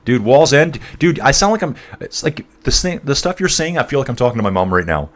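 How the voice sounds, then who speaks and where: This man's voice is mid-range and fairly quick, with big swings in pitch. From North East England, he hosts a casual cycling livestream, rambling back and forth between race commentary and reading viewer chat while calling people "guys" and "dude."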